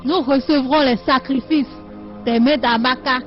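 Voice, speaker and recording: An actress voicing a priestess solemnly announcing a sacrifice and crowning, in a dubbed film drama. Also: female voice, high voice, fairly even intonation, a little slow. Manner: solemn proclaiming. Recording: dull distant sound with faint music.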